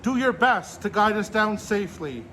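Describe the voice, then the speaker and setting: Man playing hearty old Santa, pitched high. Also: expressive, moderate pace, sharp tone, slight background noise. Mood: hearty, rallying. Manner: hearty, commanding, encouraging. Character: jolly, kindly old Santa Claus rallying his team.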